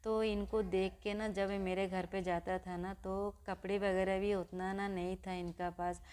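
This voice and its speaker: A young woman vlogger telling her own story to viewers in a halting, personal way, with frequent restarts. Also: mid-range voice, level tone, a little mellow.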